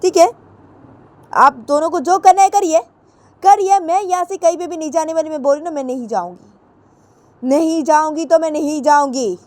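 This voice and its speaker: A stubborn young woman shouts her refusals in a very high, shrill voice, as a woman narrator puts her on. She keeps repeating herself. The underlying tone stays mellow. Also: racing, hardly any pauses, dry recording, natural voice. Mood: defiant. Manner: shrill, defiant repetition.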